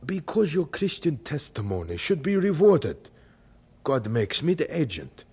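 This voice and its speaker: Earnest, missionary George Mueller, husky and animated. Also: male voice, fairly high pitch, unhurried, heavily acted. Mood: fervent. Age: 30s. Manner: formal, fervent, foreign word order. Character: earnest, devout Prussian-born missionary man of thirty-seven. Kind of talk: religious radio drama acting.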